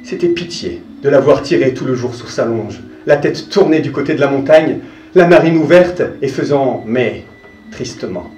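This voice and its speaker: A man giving a live dramatic reading of a classic tale, expressive and speaking straight to his listener, dropping to hushed asides. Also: normal speed, slight background noise. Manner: expressive, addresses the listener directly, sinks to hushed low asides. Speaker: storyteller. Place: live performance room. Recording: roomy distant live recording, faint music.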